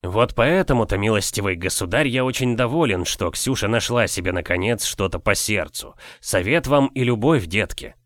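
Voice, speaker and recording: A man reading an audiobook, voicing an aging official husband in his fifties, slow, fond and paternal. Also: lowish voice, expressive, fairly bright tone, no room sound, clean studio sound. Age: 50s.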